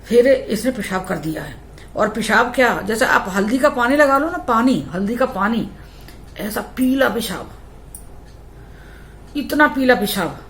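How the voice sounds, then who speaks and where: A woman's voice: fairly high pitch, expressive, measured pace, gravelly, long pauses, echoey room, a little hiss or hum. A young adult woman vlogger telling a personal story in a chatty, repetitive way. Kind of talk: casual storytelling.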